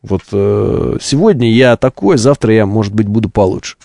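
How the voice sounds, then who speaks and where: A man's voice: on the low side, expressive, normal speed, vocal fry, mellow, no echo, studio quality. A man hosting a live stream, delivering an opinionated, didactic monologue with emphatic rhetorical questions and ironic asides.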